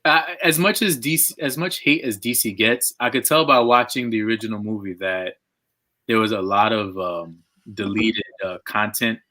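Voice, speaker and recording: A man chatting excitedly with fellow artists on a live video call, gushing and laughing as he talks. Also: fairly low pitch, normal speed. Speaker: diorama artist on a live panel. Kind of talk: casual chat.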